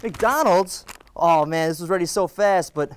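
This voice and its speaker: A man's voice: high-pitched, a little slow, clear, resonant tone. A young man playing a hungry customer in a comedy sketch, with exaggerated exclamations.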